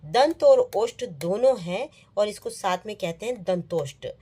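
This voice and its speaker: A woman leads an online classroom lesson, speaking at a slow, unhurried pace in a mid-range voice. She repeats key terms, poses questions to her students and answers them herself. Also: mid-range voice, expressive, warm tone, husky. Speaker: Sanskrit teacher.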